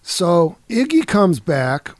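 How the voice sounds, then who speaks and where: A man in his sixties from the Detroit area, a guest musician telling an animated story in a casual interview, laughing often and dropping "man" and "you know". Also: sits high, takes it slowly, dry recording.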